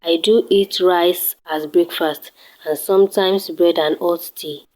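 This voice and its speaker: Speaking slowly with a Nigerian accent and a slightly low voice, a teenage student from Nigeria tours her home and explains her daily routine one item at a time. The delivery is careful and steady, and the recording quality is low.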